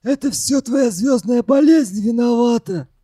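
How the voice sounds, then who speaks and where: A man's voice: extremely high pitch, lively intonation, unhurried, mellow, no room sound, pitched above the performer's own voice, heavily acted. A man doing a gloomy, spiteful captive. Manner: sullen, spiteful. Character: gloomy, bitter male captive.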